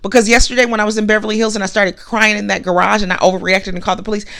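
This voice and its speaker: A woman's voice: mid-range voice, little pitch movement, very fast, creaky, fairly bright tone. A woman podcast host giving a blunt, emphatic motivational monologue, repeating her points and swearing casually.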